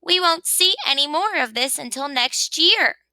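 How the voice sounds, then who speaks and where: A stubborn, grumbling rabbit from a children's story, voiced by a woman. The delivery is emphatic and complaining, high in pitch, swinging widely up and down. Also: animated, normal speed, pushed and bright, no room sound, heavily acted, rough recording. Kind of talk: children's storybook read-aloud.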